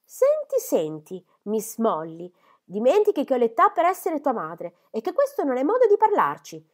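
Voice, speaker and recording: A woman's voice: a little high, wildly swooping pitch, normal speed, voice pushed up. A woman voicing stern spinster Miss Browning. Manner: admonishing, authoritative.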